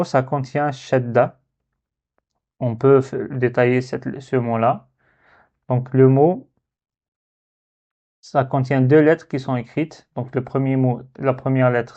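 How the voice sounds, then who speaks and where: A man's voice: mid-range voice, a little mellow. A man teaching a recorded reading lesson, patiently stretching and repeating syllables for learners. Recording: slightly dull lo-fi recording.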